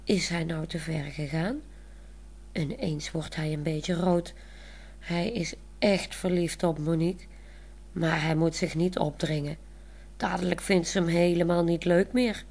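A woman narrating a storybook in a plain, clear reading style. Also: lowish voice, fairly even intonation, a little slow, darkish tone.

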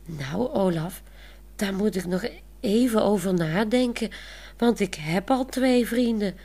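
A woman's voice: medium pitch, expressive, unhurried, warm tone. A woman voicing a proud, self-assured, talkative young woman who explains things matter-of-factly, in a storybook reading.

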